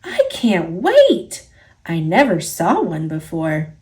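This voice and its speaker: Woman as curious, easygoing boy cat, storybook hero, swooping pitch, very slow drawn-out wonder. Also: wildly swooping pitch, a little mellow, heavily acted. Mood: excited wonder. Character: excited, laid-back young male cat, curious storybook hero.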